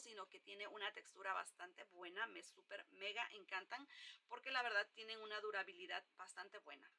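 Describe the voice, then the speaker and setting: A young woman makeup vlogger chats casually through a product review, filling her speech with hesitant fillers. Her voice runs on the high side, sounding pushed and bright.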